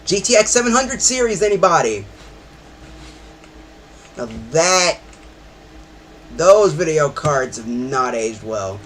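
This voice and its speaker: A man's voice: fairly high pitch, big pitch swings, slow, long pauses, a bit bright, slight background noise. A man streaming a game, chatting in a rambling way with sudden outbursts. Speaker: gaming streamer. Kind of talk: casual chat while playing.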